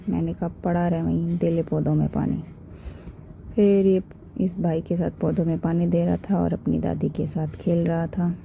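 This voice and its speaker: A woman's voice: lowish voice, gravelly, dull audio, slight background noise. A woman narrating her family's day in a chatty, amused voice-over for her vlog, laughing often. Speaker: vlogger narrating family clips.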